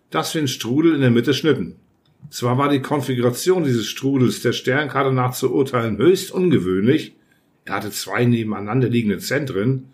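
A man narrating an audiobook in the first person, reading in a measured, even way. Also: mid-range voice. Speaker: audiobook reader.

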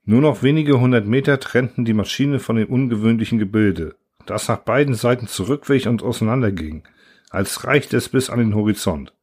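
A man reading a science fiction story aloud in steady scripted narration. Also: mid-range voice, moderate pace, slightly rough. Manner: steady, even audiobook reading.

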